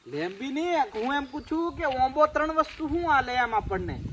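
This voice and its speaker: Brief: woman vlogger, higher-pitched, coaxing and patient. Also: lively intonation, moderate pace, fairly bright tone, a little hiss or hum. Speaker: vlogger quizzing village children. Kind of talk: casual outdoor chat.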